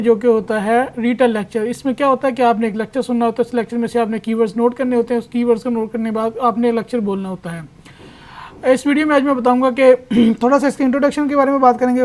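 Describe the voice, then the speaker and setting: A man's voice: very high voice, a little mellow. A man explaining an exam task step by step as a tutor, narrating over slides.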